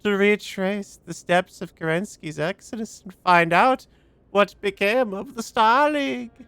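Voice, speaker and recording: A man voicing a solemn artificial intelligence from a video game in a deliberate, formal manner. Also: sits high, fairly bright tone, smooth, no room sound, pitched above the performer's own voice. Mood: solemn, driven. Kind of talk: video game dialogue read aloud. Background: game music.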